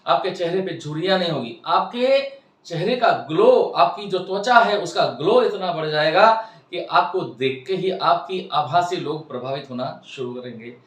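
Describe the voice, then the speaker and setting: A man's voice: a little high, moderate pace, fairly bright tone, roomy sound, recorded from a distance. A man, a wellness host persuasively and emphatically explaining ideas to his viewers. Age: 60s. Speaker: health and wellness channel host. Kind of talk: explanatory talk to camera.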